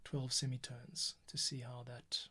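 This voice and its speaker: A podcast editor gives a casual editing tutorial, thinking aloud and muttering to himself as he works. His mid-range voice is level and sharp-toned at a measured pace, with keyboard typing, mouse clicks, and slight background noise behind him.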